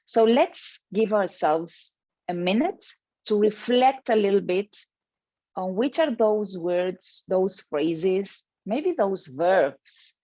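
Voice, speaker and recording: A woman's voice: medium pitch, lively intonation, takes it slowly, warm tone, no room sound, highs cut off. A woman presenting an educational webinar to teachers over a video call, earnest and emphatic, reading participants' names from the chat.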